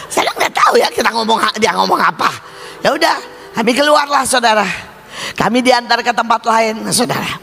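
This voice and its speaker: A man's voice: very high-pitched, expressive, normal speed, vocal fry, pauses often, sharp tone, slight background noise. A male preacher giving an emphatic sermon testimony, telling his story and constantly addressing the congregation. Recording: reverberant hall with music behind.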